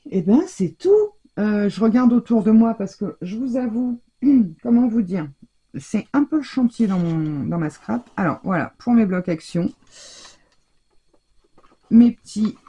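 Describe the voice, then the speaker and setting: A woman's voice: medium pitch, gravelly, warm tone, husky. A woman chatting casually in a haul video from her home craft room, talking with lots of hesitations and fillers. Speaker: scrapbooking vlogger.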